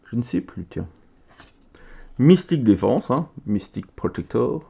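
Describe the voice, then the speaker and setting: A man from Belgium chatting casually as he opens trading cards, excitable and chatty, reading card names aloud. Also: mid-range voice, unhurried, gravelly, breathy edge, muffled recording. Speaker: card game content creator. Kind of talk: casual card-opening commentary.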